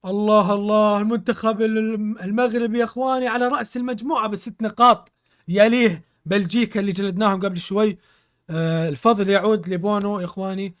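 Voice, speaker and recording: A man with a very high voice calls a football video game live for his stream. He bursts into repeated exclamations and keeps thanking his viewers between plays. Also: steady tone, fast talker. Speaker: gaming streamer. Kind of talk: excited live game commentary.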